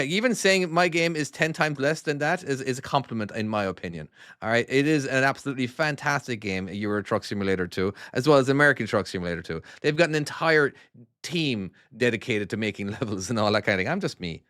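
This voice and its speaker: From Ireland, this developer of trucking games plays his own game on a live stream, answering chat and chatting casually with self-deprecating humor. His voice is mid-range and a bit bright, recorded dry with clean studio sound.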